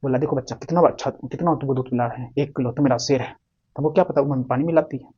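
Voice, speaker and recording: A man's voice: mid-range voice, fast talker, husky, muffled recording. A man with a Bihari accent teaching Hindi grammar in a playful classroom style, full of memory tricks and questions to his students. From Bihar, India. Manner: animated, playful, jokes and asks students questions.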